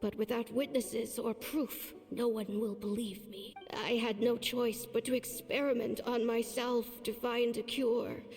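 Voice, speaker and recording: Very old, faint-voiced woman doctor, slow-speaking. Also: fairly high pitch, fairly even intonation, a little mellow, long reverb tail. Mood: grave, weary. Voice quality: aged, faint, frail voice. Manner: slow, grave, deliberate delivery. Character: old ailing woman doctor, stern weary mentor. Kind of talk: video game story dialogue. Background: music.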